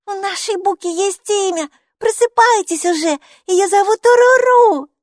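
A woman's voice: extremely high pitch, moderate pace, dry recording, studio quality, pitched above the performer's own voice. A woman voicing a cheerful, chatty six-year-old girl who keeps asking eager questions, in audiobook style. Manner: eager, excited, full of questions. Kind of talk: audiobook character voice.

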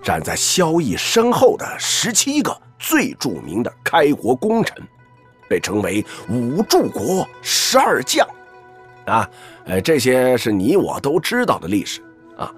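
An actor playing a wry, middle-aged assassin uncle in an audio drama, talking like a storyteller with lots of interjections. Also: male voice, medium pitch, wildly swooping pitch, measured pace, soft background music. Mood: storytelling. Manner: drawling, storyteller-like, peppered with interjections. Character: wry, theatrical older male assassin uncle, Su Zhe. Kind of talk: audio drama character acting.

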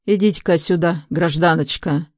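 A woman voicing a loud, indignant middle-aged man who rants and threatens to sue. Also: on the low side, normal speed, no echo, studio quality, natural voice. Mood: mock-pompous. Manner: blustering, shouting, threatening.

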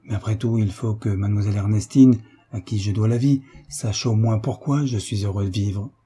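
A man's voice: on the low side, steady tone, moderate pace, mellow, slightly rough. A man reading as a hearty old sailor. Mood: joyful. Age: older. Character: old sailor veteran, joyful, warm uncle.

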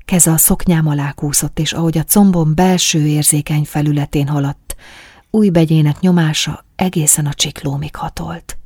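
A woman reading a first-person story aloud as an audiobook, in a calm, soft, intimate manner. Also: deep voice, breathy edge, dry recording, clean studio sound. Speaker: audiobook narrator. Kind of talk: first-person scripted narration of an erotic story.

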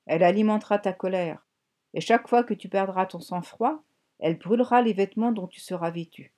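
Brief: a woman doing an ominous murmuring dream voice, warm and low-key, storybook. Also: fairly quick, lightly acted. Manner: murmured, warning.

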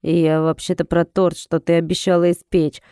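A woman's voice: fairly low pitch, level tone, moderate pace, warm tone, clear, resonant tone, no echo, clean studio sound, pitched below the performer's own voice, close to an everyday voice. A woman doing a cocky, teasing young husband. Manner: teasing, boastful.

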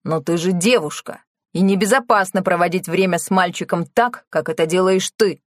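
A woman's voice: lowish voice, normal speed, dry recording, studio quality, close to an everyday voice. A woman reading a novel aloud, voicing a strict middle-aged father lecturing his daughter. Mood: stern. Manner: firm, lecturing.

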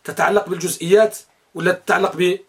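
Very high-voiced male grammar teacher. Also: fairly even intonation, fast talker. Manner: poses questions and answers them himself, chants verses. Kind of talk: classroom lesson.

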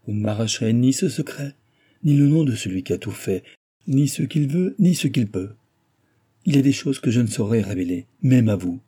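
A man's voice: medium pitch, expressive, moderate pace, mellow, breathy edge. A man putting on a cool, scheming young woman. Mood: bargaining. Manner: cool, bargaining.

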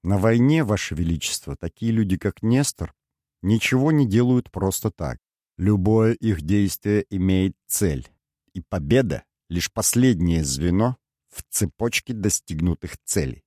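A grave mercenary colonel with a deep, low voice, slow and measured and always deferential to his king, as a male reader puts him on. The recording is dry and close. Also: animated, warm tone, dry recording. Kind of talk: audiobook character voice.

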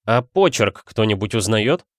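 A man's voice: fairly low pitch, lively intonation, measured pace, dry recording, clean studio sound. A man voicing a confident male detective who speaks curt and thoughtful.

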